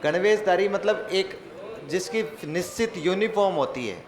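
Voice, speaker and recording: Male teacher, slightly high voice, quizzing himself aloud, joking asides, roomy echo. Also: expressive, moderate pace, crowd noise. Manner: joking, mock-dramatic asides; asks questions and answers them himself. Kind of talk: online exam-prep class. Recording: echoey room with faint ambient noise.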